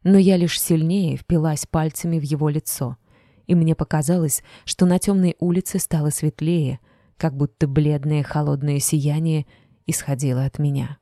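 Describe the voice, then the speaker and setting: A woman reading a first-person audiobook in a measured, even way. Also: deep voice, no echo, studio quality. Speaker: audiobook narrator.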